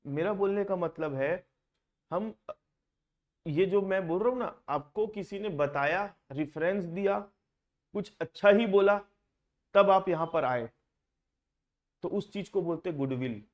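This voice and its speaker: A man's voice: sits high, a little slow, long pauses, highs cut off. A man teaching an accounting class in Hindi, often asking his students questions and mixing in English terms. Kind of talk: classroom lecture.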